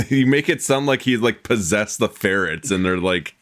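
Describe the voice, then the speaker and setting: Streamer type, man, lowish voice, teasing and quick to yelp at mishaps. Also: expressive, fairly bright tone. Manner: teasing, yelps and laughs at game mishaps. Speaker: streamer and host. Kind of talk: casual gaming chat.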